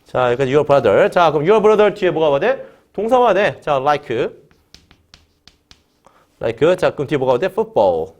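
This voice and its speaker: A man gives an online English grammar lesson in Korean, his voice slightly high with big pitch swings and a darkish tone, at an unhurried pace. Almost every phrase starts with a short "자," he keeps firing questions at students, and he has them repeat key words back as he works through each example.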